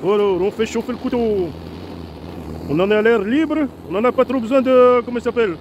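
A man's voice: extremely high pitch, a little fast, a little mellow, lo-fi sound, slight background noise. A tired man chatting to himself outdoors as he films his garden DIY from a camera strapped to his head. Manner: rambling, chatty, talks to himself and his animals. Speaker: vlogger doing garden DIY. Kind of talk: casual self-narrated vlog. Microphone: head-mounted camera.

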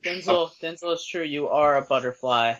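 A man's voice: fairly high pitch, moderate pace, a bit bright, lo-fi sound. A young man making mock-serious jokes in a casual group call. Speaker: commentary co-host.

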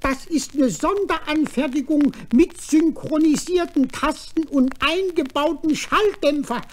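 Donald Duck, high-pitched fussy duck voice. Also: male voice, unhurried. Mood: lamenting. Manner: theatrical, exclamatory. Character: cartoon duck uncle, fussy, excitable, put-upon. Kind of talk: 1960s children's radio play acting. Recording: crackly old vinyl record.

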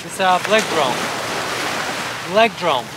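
A middle-aged man narrates his fishing vlog in a fairly high, chatty voice, calling his viewers "guys." He is recorded outdoors on a seaside jetty by a chest-mounted action camera, and loud surf and wind roar behind him. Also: slow. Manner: chatty, addresses viewers as guys, excited when a fish bites. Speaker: fishing vlogger. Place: rocky jetty on a beach by the sea, outdoors. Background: loud waves and wind.

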